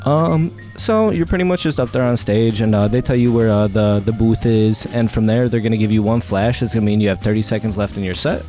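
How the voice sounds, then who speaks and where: A young comedian answering interview questions in an easygoing, slightly rambling way. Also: male voice, on the low side, fairly quick, few pauses, mellow, faint music behind. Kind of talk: casual interview.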